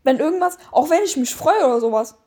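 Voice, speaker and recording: A woman's voice: sits high, lively intonation, fast, mellow. A woman in casual chat with a friend, eager and gushing, sometimes stumbling over words. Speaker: co-host.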